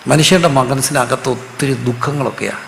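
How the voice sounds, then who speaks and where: A man's voice: medium pitch, steady tone, brisk, vocal fry. A male pastor, preaching a sermon and calling out questions for the congregation to answer back. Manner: asks the congregation questions and has them repeat answers. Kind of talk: call-and-response sermon. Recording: roomy hall reverb, faint noise.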